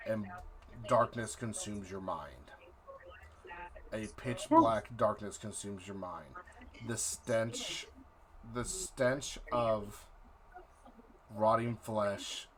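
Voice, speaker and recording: A man narrating a horror tabletop game as game master, halting and dramatic, repeating phrases for effect. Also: fairly low pitch, a crowd in the background, low-quality recording.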